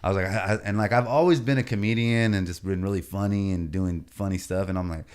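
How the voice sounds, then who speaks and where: On a podcast, a comedian spins stories in a relaxed, slangy manner, leaning on "bro" and "you know what I mean" throughout. His voice sits low and clean, slightly mellow, with a steady tone and a fast pace.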